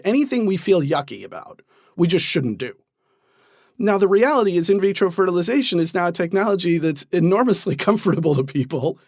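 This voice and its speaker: Animated professor, dry close sound. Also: male voice, high voice, dry recording. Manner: animated, laughs while explaining. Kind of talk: interview answers.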